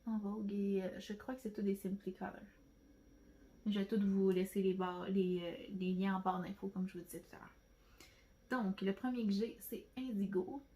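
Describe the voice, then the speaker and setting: A woman's voice: medium pitch, steady tone, normal speed, warm tone, poor audio. A woman from Quebec with a Québécois French accent, chatting casually through a nail product haul at home, rambling with lots of fillers and restarts. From Quebec, Canada. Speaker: nail beauty vlogger.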